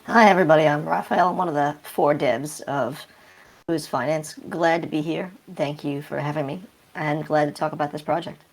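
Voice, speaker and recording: A man speaking through a voice changer that pitches his voice deep, answering interview questions casually and hesitantly with many fillers. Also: steady tone, moderate pace, gravelly. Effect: voice changer, pitch shifted deep. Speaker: project developer guest.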